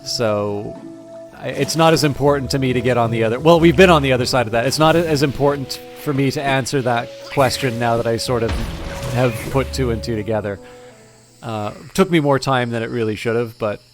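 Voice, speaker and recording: Higher-pitched man rambling through a game stream. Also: a little fast, music in the background. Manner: rambling, thinking aloud. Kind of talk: casual live gameplay commentary.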